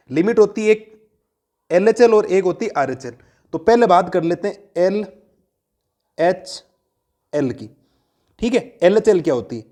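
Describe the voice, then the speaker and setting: A high-voiced man takes students through a classroom math lesson. He keeps asking questions and answers them himself, and he repeats each key point so it sticks. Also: darkish tone. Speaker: math teacher.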